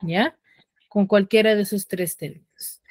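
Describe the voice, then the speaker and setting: A woman teacher giving an online class, often stopping to check that students follow and slowing down to stress key rules. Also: mid-range voice, steady tone, darkish tone, dry recording. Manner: checks understanding with frequent "ya?" and "sí?".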